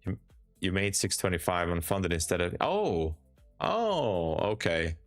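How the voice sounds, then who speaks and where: Speaking with a Hungarian accent, this man reads viewer comments aloud during a live stream and replies calmly and casually, repeating words to stress them. He has a low-pitched, slightly slow delivery over soft background music, and the recording has no room sound.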